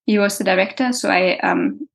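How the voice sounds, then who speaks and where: A German guest scientist, a woman whose first language is German, answers interview questions hesitantly, with lots of fillers and restarts. Her voice sits at medium pitch with vocal fry, and she speaks at a normal speed.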